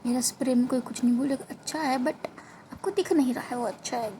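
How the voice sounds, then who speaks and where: A woman's voice: high-pitched, fairly even intonation, fast talker, dark tone, a little hiss or hum, poor audio. A woman giving casual, self-mocking voice-over commentary on her own gameplay, recorded on a phone. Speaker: gaming creator.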